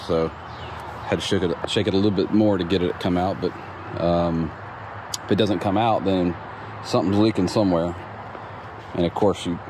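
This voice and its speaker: A homeowner gives a casual walkthrough of his building site, talking through the plumbing in an easy, straightforward manner full of ums, his voice sitting low. He films outdoors on a phone as he walks, and the recording picks up clear background noise.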